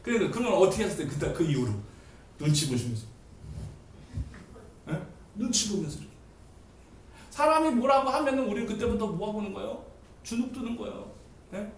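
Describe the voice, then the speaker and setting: A male pastor delivers a sermon in a church sanctuary, acting out voices and breaking into shouts. His voice sits high and leaps up and down. The sound is drenched in the echo of a large hall and picked up from a distance. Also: brisk, gravelly, long pauses. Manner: animated storytelling, acts out voices and shouts.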